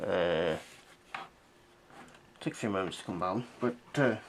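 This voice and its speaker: A low-voiced man speaking at a measured pace hosts a hands-on demo vlog, muttering a relaxed, joking commentary as he goes. The sound comes from a noisy amateur camera.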